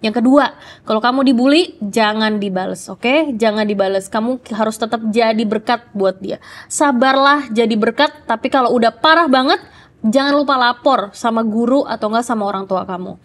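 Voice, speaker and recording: An adult woman hosting a kids' program, answering children's questions in a lively, coaxing way and often checking in with "oke?". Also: fairly high pitch, moderate pace. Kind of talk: casual talk to children.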